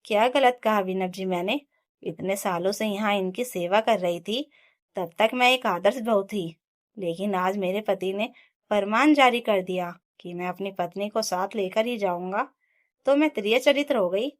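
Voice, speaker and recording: Female narrator doing a wounded young wife, impassioned storybook protest, everyday pitch. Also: moderate pace, natural voice. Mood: indignant. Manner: emotional, rising to impassioned protest. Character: young wife, hurt and pleading for her rights.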